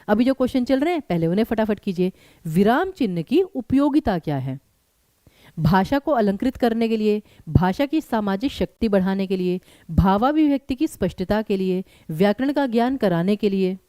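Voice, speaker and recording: A woman teacher, leading a live online exam-prep class and talking straight to her students in an animated way. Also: fairly high pitch, dry recording. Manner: animated, addresses students directly.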